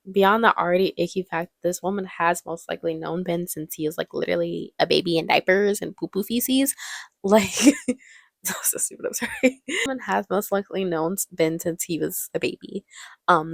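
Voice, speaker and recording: A woman's voice: on the low side, creaky, no room sound, clean studio sound. A young woman giving casual movie commentary, chatty with lots of "like" fillers and playful mock voices.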